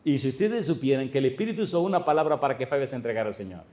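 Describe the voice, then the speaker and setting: A middle-aged man preaches a sermon as a pastor, his voice sitting at an average pitch. He tells stories to the congregation and often stops to ask them questions. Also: very fast. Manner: lively storytelling, addressing the congregation with questions. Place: church.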